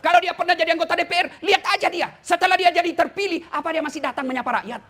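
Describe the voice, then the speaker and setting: Male preacher, very high and bright voice, teasing and humorous; keeps addressing listeners as "Pak". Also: steady tone, racing. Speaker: preacher and lecturer. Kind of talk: humorous sermon to officials.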